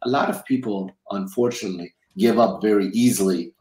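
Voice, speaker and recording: A man's voice: lowish voice, brisk, dark tone, roomy sound, rough recording. A middle-aged man from Romania, a guest in a casual interview, talking from a home office over a webcam, rambling and repeating words as he thinks. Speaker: guest, film financier. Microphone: video call webcam.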